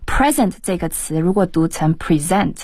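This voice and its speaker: A woman's voice: low-pitched, steady tone, moderate pace, mellow, husky, no room sound, studio quality. A woman who works as an exam examiner and teacher, explaining test tips as a guest on a radio talk show, with many hesitant fillers.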